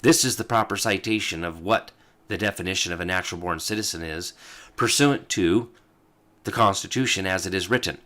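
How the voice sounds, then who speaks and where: A man's voice: sits low, fairly quick, bright, forceful tone. A man hosting a show, reading old legal texts aloud and explaining them with fillers and asides. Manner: talks as he reads, with fillers and asides. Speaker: host.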